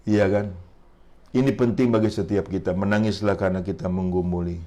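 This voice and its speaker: A man's voice: sits low, steady tone, fairly quick, dark tone. A man in his fifties preaching a sermon as pastor, emphatic and often addressing the congregation directly. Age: 50s.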